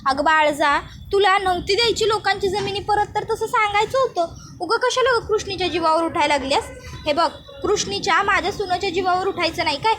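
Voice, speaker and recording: A manipulative village woman wheedles and points fingers in rustic dialect, as a woman narrator puts her on. Her voice rides high and bright. A faint background hum is present. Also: fairly quick. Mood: accusing.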